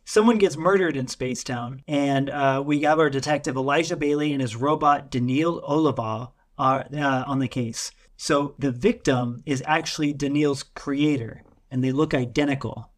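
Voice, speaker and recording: A man's voice: medium pitch, normal speed, few pauses. A man co-hosting a book podcast, summarizing a story in a chatty, rambling way with filler words. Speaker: podcast co-host. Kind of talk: casual podcast chat.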